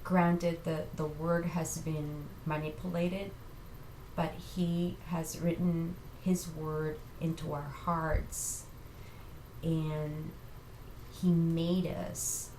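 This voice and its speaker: A woman giving an earnest, halting personal faith testimony to camera, tearful and sounding like she has just been crying. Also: sits low, a little mellow. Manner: earnest, halting, reassuring listeners. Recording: echoey room with faint noise.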